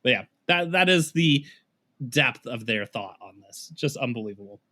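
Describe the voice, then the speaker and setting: Man, podcast co-host, sarcastic, swearing, bright tone, dry sound. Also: medium pitch, lively intonation, moderate pace, no echo. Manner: sarcastic, swears a lot, laughs often. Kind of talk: casual political chat.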